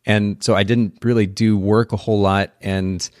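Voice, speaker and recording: A man hosts a podcast interview in a lowish, level, darkish voice at a moderate pace, recorded at studio quality with no room sound. He's thoughtful and conversational, often repeating words as he restarts sentences.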